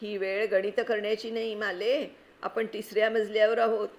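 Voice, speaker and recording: A woman's voice: medium pitch, level tone, normal speed, slight background noise, close to an everyday voice. A woman voicing a frightened small child in a storybook reading, anxious and questioning.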